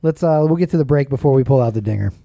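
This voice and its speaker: Fast, teasing podcast guy with mellow tone. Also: medium pitch, expressive, gravelly, no echo. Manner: teasing, quick jokes, laughs often. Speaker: podcast co-host. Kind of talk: casual chat.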